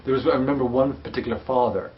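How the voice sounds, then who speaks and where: Man coaching parents in a webinar, gentle and patient, slightly muffled audio, faint hiss. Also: medium pitch, fairly even intonation, rapid-fire. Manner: gentle, patient, explains with hands-on demonstrations. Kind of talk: webinar teaching and answering parent questions.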